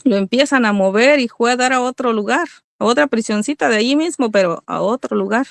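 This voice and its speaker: A woman's voice: on the high side, brisk, gravelly, dry recording. A middle-aged woman giving an earnest religious testimony as a mother, speaking to her listeners as brothers.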